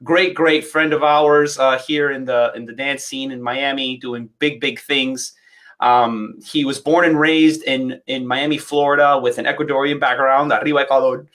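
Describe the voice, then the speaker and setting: A man's voice: medium pitch, steady tone, normal speed, fairly bright tone. A man hosting a dance livestream interview, enthusiastic and rambling, with many fillers and restarts. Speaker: host and dance instructor.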